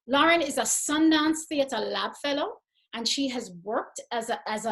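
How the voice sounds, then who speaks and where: Woman, event moderator, slightly high pitch, halting, searching for words, frequent restarts. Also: low-quality recording. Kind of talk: discussion remarks and reading a speaker's bio.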